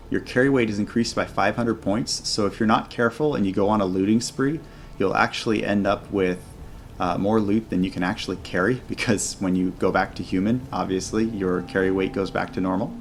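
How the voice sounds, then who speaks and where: A man hosting a gaming channel gives chatty, casual commentary on a video game mod showcase, thinking aloud as he plays. His voice is on the low side and steady, and he talks fairly quickly. There's slight background noise.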